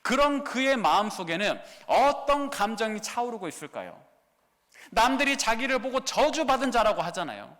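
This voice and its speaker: Male pastor preaching, really high bright voice, lots of rhetorical questions, loud then hushed, echoey church hall. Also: big pitch swings, moderate pace. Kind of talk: sermon. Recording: long reverb of a large hall.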